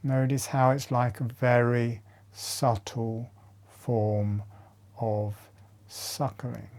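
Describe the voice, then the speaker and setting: Guiding listeners through breathing meditation, this man uses short, deliberate phrases and very long pauses, as an instructor would, at an extremely slow pace. His voice is medium in pitch, mellow and relaxed.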